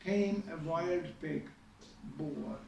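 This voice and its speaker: A man's voice: fairly high pitch, drawn-out words, gravelly, dark tone, slight background noise. A man giving a storytelling sermon in a conversational way, with frequent asides to his listeners. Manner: conversational, many asides to the audience. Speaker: spiritual teacher giving a scripture class. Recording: echoey hall, mic at a distance.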